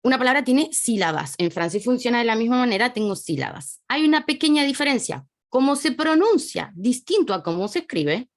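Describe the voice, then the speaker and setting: Lively Argentine woman teaching a lesson. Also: a little high, fairly quick, few pauses, no room sound, clean studio sound. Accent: Argentine Spanish. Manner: chatty, lively explaining, drifts away from the mic while writing. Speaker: French teacher. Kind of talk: online language lesson. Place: small home study desk.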